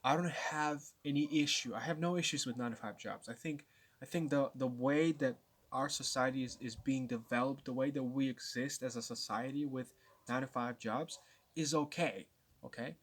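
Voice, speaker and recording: A man's voice: mid-range voice, moderate pace. A nineteen-year-old man vlogging to his viewers, rambling and restarting often as he thinks aloud. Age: late teens. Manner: rambling, with many restarts and stammers. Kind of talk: casual talk to camera.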